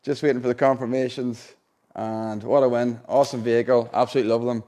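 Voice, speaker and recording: A man's voice: mid-range voice, little pitch movement, fast talker, dark tone. Chatty man hosting a prize draw. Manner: chatty, colloquial. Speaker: competition draw host. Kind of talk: informal live prize-draw presenting. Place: indoor showroom unit with a car and screen.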